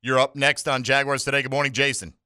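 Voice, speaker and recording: Bright, forceful American sports radio host. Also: male voice, mid-range voice, flat delivery, quick pace, clear, resonant tone, dry recording, clean studio sound. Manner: exuberant, emphatic, informal. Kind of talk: lively sports call-in radio talk. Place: radio studio. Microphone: close studio microphone.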